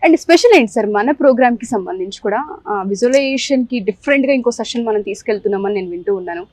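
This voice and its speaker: Cheerful woman host asking questions outdoors, bit high voice, dry close sound. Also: animated, quick pace, darkish tone, no room sound, rough recording. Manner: cheerful, asks repeated questions. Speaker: interviewer host. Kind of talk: interview questions. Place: outdoors in nature.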